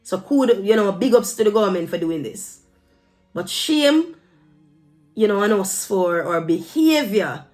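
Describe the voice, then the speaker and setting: This Jamaican-accented woman has a medium-pitched, darkish voice. As a vlogger talking casually to camera, she gives her opinion with emphatic scolding and sprinkles in Patois phrases.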